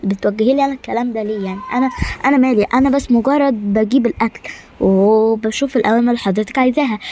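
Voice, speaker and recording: A woman's voice: fairly high pitch, darkish tone, a little hiss or hum, natural voice. A woman with an Egyptian Arabic accent voicing a male palace servant who stammers through defensive protests.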